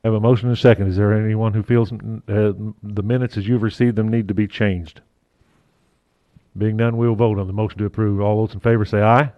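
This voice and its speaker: A man chairing a city council meeting as mayor, his voice muffled through a face mask, talking haltingly with fillers and the odd joke. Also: lowish voice, level tone, no echo. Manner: halting, with fillers and restarts, lightly joking.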